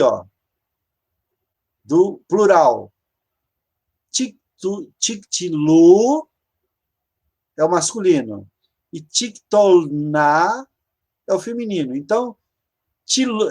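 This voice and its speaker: Halting teacher on a video call. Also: mid-range voice, darkish tone. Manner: halting, searching for words, many fillers, explains step by step. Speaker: Hebrew teacher. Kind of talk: online grammar lesson.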